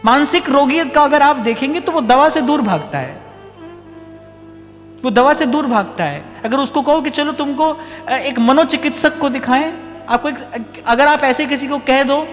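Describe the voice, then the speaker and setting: Male spiritual teacher, high voice, storytelling sermon in a reverberant hall with soft music. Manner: storytelling, acts out short dialogues. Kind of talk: devotional discourse. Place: ashram hall.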